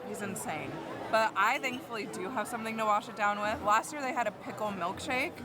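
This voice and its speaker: A chatty woman films a casual food review vlog at an outdoor theme park. Her talk is excitable and full of fillers. A loud crowd and heavy outdoor noise surround her. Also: mid-range voice, fairly quick. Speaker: food vlogger.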